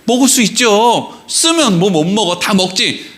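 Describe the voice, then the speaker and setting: A man pastor preaching a sermon in a church, animated and joking with the congregation, acting out quoted voices. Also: sits high, unhurried. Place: church sanctuary.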